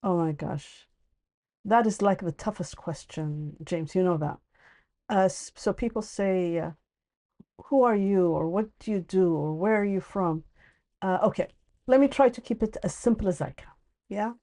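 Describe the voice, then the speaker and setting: Warm-voiced middle-aged woman, thoughtful guest. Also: mid-range voice, moderate pace. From born in Ethiopia, raised in the UAE. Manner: thoughtful, hesitant, restarts and fillers. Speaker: podcast guest. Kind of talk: casual conversational interview.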